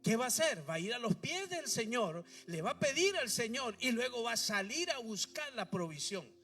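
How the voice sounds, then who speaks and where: A man's voice: extremely high pitch, sing-song, moderate pace, bright, forceful tone. A man preaching a sermon, firing rhetorical questions and calling on the congregation to repeat after him. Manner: preaching with rhetorical questions and call-and-response prompts. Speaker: pastor. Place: church. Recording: distant mic with faint music behind.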